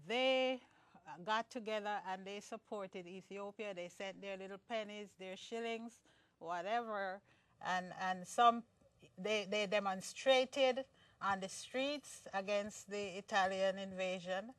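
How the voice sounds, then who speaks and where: A woman's voice: medium pitch, a little slow, clean tone, no echo. A Jamaican-born woman, a guest in a conversational interview, explaining earnestly with frequent restarts. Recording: distant mic, dry sound.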